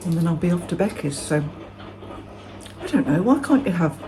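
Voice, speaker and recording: A woman's voice: on the low side, expressive, normal speed, dark tone, a little hiss or hum. A woman chatting casually as she bakes and tastes muffins in her home kitchen, talking to viewers in a self-mocking way. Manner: chatty, self-mocking, talks while baking and tasting. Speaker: vlogger.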